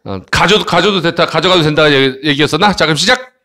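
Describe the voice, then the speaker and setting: A man's voice: a little high, fast talker, sharp tone. A man teaching an English lesson to children in Korean, coaxing them along with frequent tag questions.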